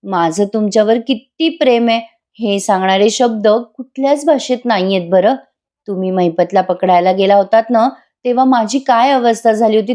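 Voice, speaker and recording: A woman's voice: fairly high pitch, mellow, close to an everyday voice. Devoted young wife, nagging out of worry, voiced by a woman narrator. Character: caring young wife, scolding and emotional.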